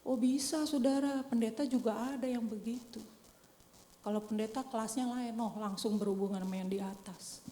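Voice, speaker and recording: A woman's voice: on the high side, steady tone, moderate pace, warm tone, a little hiss or hum. A woman pastor preaching in a conversational way, asking rhetorical questions and acting out quotes. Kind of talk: sermon. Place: church hall. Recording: echoey church hall reverb.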